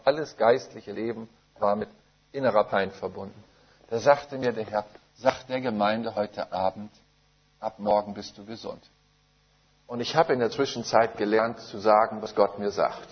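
Preacher telling his testimony. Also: lowish voice. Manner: vivid storytelling, emphatic. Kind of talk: testimony sermon. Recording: muffled lo-fi recording.

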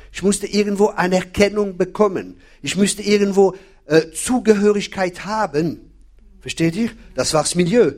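A man with a high, darkish-toned voice preaches, pounding on key phrases through emphatic repetition. He keeps turning to his listeners with questions.

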